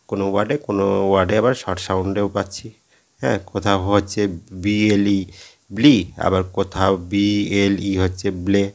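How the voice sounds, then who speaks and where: A man's voice: low-pitched, a little mellow. A man teaching a lesson, patiently spelling out letters and often checking in with his listeners. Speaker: English teacher. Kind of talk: explanatory lesson.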